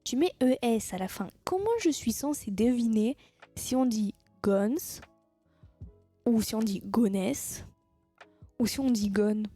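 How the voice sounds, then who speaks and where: High-voiced teasing woman streamer. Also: lively intonation, unhurried, pauses often, warm tone, no room sound, soft background music. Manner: teasing, chatty, laughs at her own jokes. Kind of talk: casual live-stream chat with viewers.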